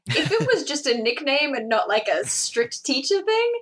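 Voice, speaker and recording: A woman's voice: high voice, very animated, fairly bright tone, slight background noise. A woman with an Australian accent, co-hosting a casual film-discussion podcast with chatty, laughing asides. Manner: chatty, quick to laugh, lots of "like". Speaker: podcast co-host.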